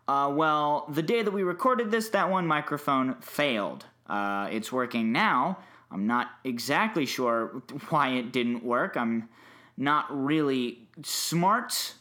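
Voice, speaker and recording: Male podcast host, mid-pitched, self-deprecating and apologetic, informal solo delivery. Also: animated, slow, bright, forceful tone. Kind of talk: casual spoken introduction.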